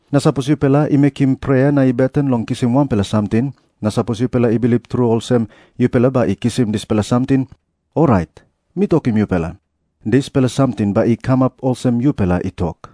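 A man's voice: mid-range voice, dark tone, dry recording, clean studio sound, lightly acted. A man with a Papua New Guinean accent playing an earnest, authoritative religious teacher who instructs and admonishes in a scripture drama. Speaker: voice actor in dramatised scripture reading. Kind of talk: dramatised scripture reading in Tok Pisin.

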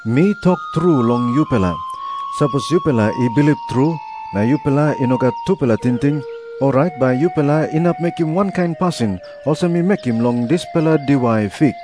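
Authoritative male teacher for Bible drama, acted by a man, Papua New Guinean accent, lively intonation, music behind. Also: medium pitch, a little fast, lightly acted. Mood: earnest teaching. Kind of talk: scripted audio Bible drama.

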